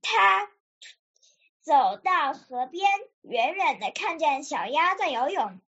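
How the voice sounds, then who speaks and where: A young girl with a high voice tells a children's story for a radio show. She reads earnestly and carefully, stumbling now and then. The recording sounds slightly muffled. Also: sing-song, slow, fairly bright tone. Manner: earnest, careful read-aloud with small slips. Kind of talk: reading a children's story aloud. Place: radio program.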